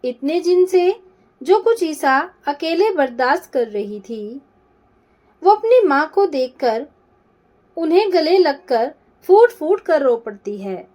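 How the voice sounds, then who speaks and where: Woman storyteller, high voice, animated, slow, dramatic. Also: lo-fi sound. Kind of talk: scripted story narration.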